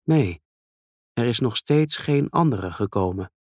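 A man's voice: medium pitch, lively intonation, measured pace, husky, no room sound, clean studio sound. A man murmuring as a lonely swan. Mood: wistful. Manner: quiet murmuring. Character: lonely hopeful male swan.

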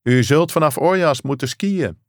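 A man's voice: on the high side, normal speed, dry recording, clean studio sound, voice pushed up, close to an everyday voice. A man voicing an urgent caller on a distant phone line, speaking in clipped, raised phrases, in an audiobook reading. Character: adult male caller from a remote outpost.

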